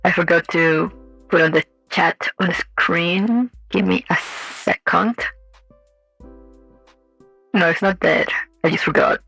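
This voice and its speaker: A woman's voice: lowish voice, takes it slowly, vocal fry, long pauses, a bit bright, breathy edge, no echo, soft background music, full character voice, poor audio. A woman streamer greeting her chat through a voice changer filter, chatty with squealy bursts. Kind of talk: casual live-stream chat.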